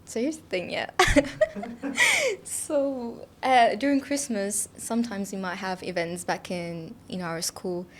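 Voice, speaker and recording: Giggly young woman with faint room noise. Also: on the high side. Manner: cheerful, giggly, many fillers like "like" and "you know". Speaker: podcast guest, international student. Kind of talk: casual interview chat. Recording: faint background noise in a studio.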